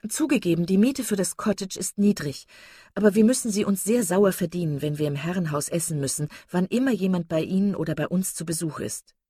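A woman's voice: on the low side, fairly quick, warm tone, breathy edge, no room sound, studio quality. Impatient passionate young woman, near reader's own voice, by a woman. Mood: indignant.

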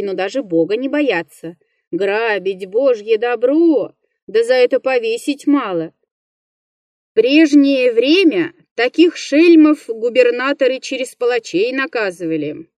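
A timid old forester, full of piety and dread, his voice climbing into a plaintive wail, as a woman puts him on. The delivery is slow and dark-toned, recorded close and dry. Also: a little high, no echo. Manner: plaintive, wailing, frightened. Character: fearful pious old male forester.

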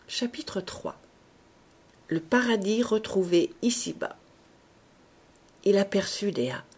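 Brief: female audiobook narrator, slow and measured, breathy tone, expressive literary reading. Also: medium pitch.

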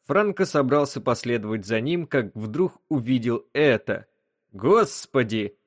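A man reads a story aloud in a steady, even storytelling voice at a middling pitch. The recording is dry and close, with no room sound around him. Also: measured pace, dry recording. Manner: even storytelling delivery, voicing characters. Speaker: narrator. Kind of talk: audiobook reading.

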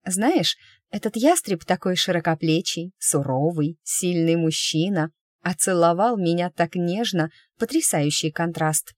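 A woman's voice: fairly low pitch, unhurried, no room sound, clean studio sound. A woman reading an audiobook, voicing a flustered, giggly young woman who exclaims in a rising voice. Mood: giddy. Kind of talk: audiobook character voice.

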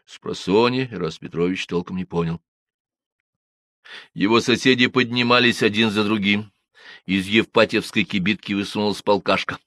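A man narrating an audiobook in an expressive storytelling manner on a close studio mic. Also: on the low side, moderate pace, no room sound. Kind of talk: scripted narration.

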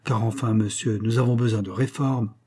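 A man's voice: lowish voice, fairly even intonation, normal speed, warm tone, husky. A man reading the lines of a haughty provincial doctor with a curt, sarcastic delivery.

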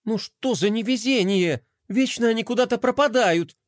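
A man's voice: very high voice, normal speed, no room sound, clean studio sound, pitched above the performer's own voice. A man voicing a frustrated young boy who grumbles to himself. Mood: grumbling. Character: frustrated young boy hunting a lost sock.

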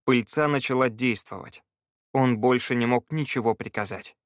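Male narrator for a fantasy audiobook, measured and even, dry close-miked read. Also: mid-range voice, no echo.

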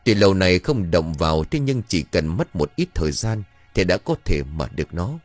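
A man with a very deep voice narrates a story in an audiobook. His delivery is expressive, with plenty of rise and fall in pitch. Faint music plays softly underneath. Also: normal speed, dry recording.

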